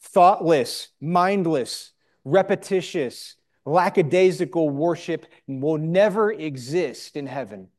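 A man preaching a sermon in short emphatic phrases, pausing for a live interpreter, with rhetorical questions. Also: fairly high pitch, a little mellow.

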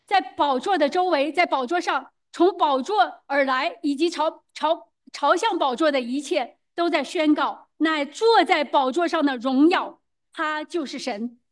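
High-voiced woman interpreting a sermon. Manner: quick, hesitant, frequent fillers and self-corrections.

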